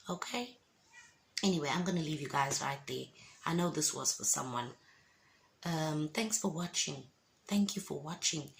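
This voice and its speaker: A woman's voice: fairly low pitch, vocal fry, a little hiss or hum. A woman, giving an emphatic, encouraging faith testimony in a casual vlog. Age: 50s. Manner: emphatic and encouraging, preachy asides.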